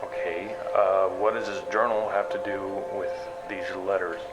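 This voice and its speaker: A low-pitched man lightly acts the part of a wary investigator making secret broadcasts, serving as both narrator and lead in a sci-fi drama. His intonation stays fairly even as he speaks in a halting, conversational, understated way, skeptical and probing. The highs are cut off, and prominent background music plays behind the confessional narration and dialogue.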